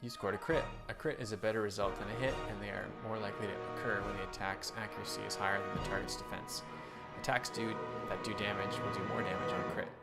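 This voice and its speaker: A man doing casual live-stream game commentary, chatting to viewers, thinking out loud and reading game text aloud. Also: lowish voice, flat delivery, quick pace, creaky, few pauses, over loud music.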